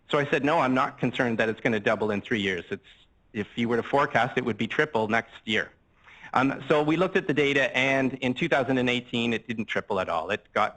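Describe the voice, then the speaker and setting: An older Canadian physician gives a conversational medical lecture in a lecture room, explaining casually with everyday examples and asides. His mid-range voice sounds pushed and bright on a low-quality recording, using a handheld mic that gets swapped mid-talk.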